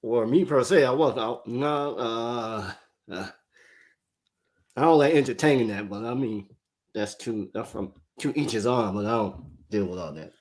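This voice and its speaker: A man's voice: medium pitch, a little slow, darkish tone. A man on a glitchy, lagging video call. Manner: hesitant, restarts his sentences. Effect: laggy, cutting-out video call connection. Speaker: show technician. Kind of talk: casual group chat on a video call. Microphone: phone on a video call.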